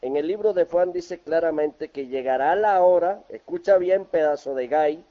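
A man's voice: fairly high pitch, moderate pace. A man with a Colombian accent who insults his opponent with scorn while quoting scripture in a heated religious rebuttal. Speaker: religious debater in a video reply. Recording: muffled lo-fi clip.

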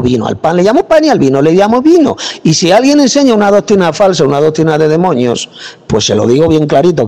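A man from preaching in a forceful, scolding way, speaking with authority into a phone. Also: a little high, long reverb tail. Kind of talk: combative preaching monologue. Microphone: phone mic.

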